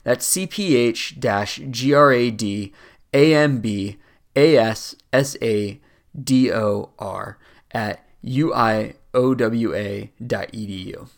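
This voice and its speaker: Relaxed young man co-hosting a podcast. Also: mid-range voice, vocal fry. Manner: relaxed, halting with fillers. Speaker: podcast co-host. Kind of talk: casual podcast chat. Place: studio.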